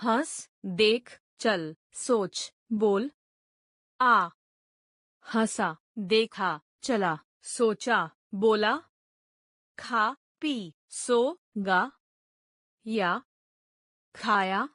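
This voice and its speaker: A woman reading a grammar lesson aloud, going through word lists one item at a time in a measured, deliberate way. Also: medium pitch, sharp tone, dry recording, clean studio sound. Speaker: grammar teacher.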